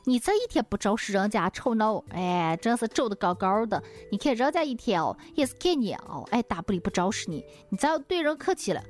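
Woman voicing a village mother, lower steady voice, caring, scolding, lively pitch. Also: fairly quick, few pauses, soft background music, close to an everyday voice. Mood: advising.

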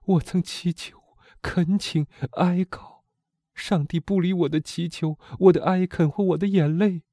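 A man's voice: high voice, steady tone, measured pace, dark tone, no echo, studio quality. A man voicing a young woman in despair who pleads with her beloved, in an anguished, imploring audiobook reading. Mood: resolute.

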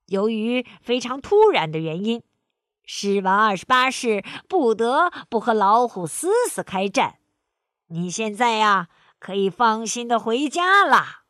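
A woman's voice: on the high side, lively intonation, unhurried, a bit bright, no echo, clean studio sound. A woman doing a fussy, nagging little gecko.

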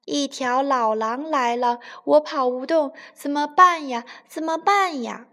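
A woman's voice: high-pitched, a little slow, bright, forceful tone, exaggerated voice. A woman voicing worried rabbit villagers in a children's storybook, wailing fretfully.

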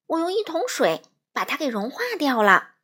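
A woman voicing a bold young girl who speaks up loudly and indignantly. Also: high-pitched, sing-song, moderate pace, breathy edge, full character voice. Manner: loud, indignant, exclaiming.

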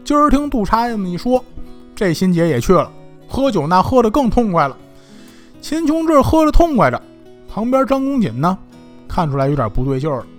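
Guy telling an old story, super animated, high voice, faint music under. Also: brisk. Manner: lively, animated, colloquial. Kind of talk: traditional storytelling narration.

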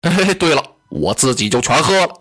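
A male storyteller voicing a loud, hot-tempered burly general who talks bluntly and impatiently, in a Chinese oral storytelling style. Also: very animated, a little fast, a little hiss or hum. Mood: jovial. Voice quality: booming loud voice. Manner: blunt, impatient, shouting gruffly.

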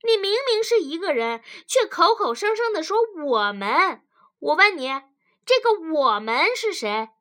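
A relentless, sharp-tongued wife who snaps back with cutting retorts, as a woman reader plays her. Her voice is high, bright and tense, leaping through a wide pitch range in a storybook argument. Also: big pitch swings, exaggerated voice. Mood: indignant. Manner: fierce, cutting, fast retorts.

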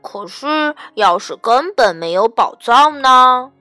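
Timid little bear cub, tearful and pleading, read by a woman. Raised, bright voice. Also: high voice, expressive, slow, no echo, faint music behind, heavily acted. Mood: unsure. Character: timid young bear cub, fearful and whiny.

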